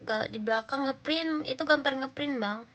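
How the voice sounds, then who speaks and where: Blunt, slangy woman livestreamer, higher-pitched. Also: moderate pace, a bit bright. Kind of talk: casual livestream chat with viewers.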